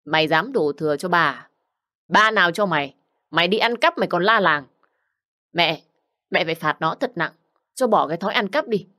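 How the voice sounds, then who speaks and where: A woman's voice: fairly low pitch, animated, normal speed, long pauses, sharp tone. A woman voicing a cruel young woman who taunts and mocks. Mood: taunting.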